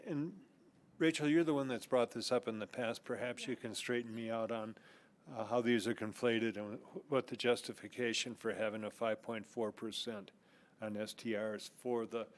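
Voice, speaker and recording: An American man on a city council questions a colleague at a public meeting. He speaks haltingly and uses fillers. His voice has an average pitch. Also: steady tone.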